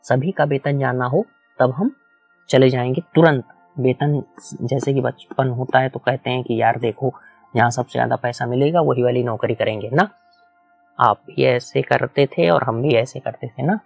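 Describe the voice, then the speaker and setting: A man's voice: mid-range voice, fairly even intonation, normal speed, vocal fry, husky, soft background music. A man teaching a whiteboard lecture, explaining step by step, repeating key points and asking the class questions. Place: small room with a whiteboard.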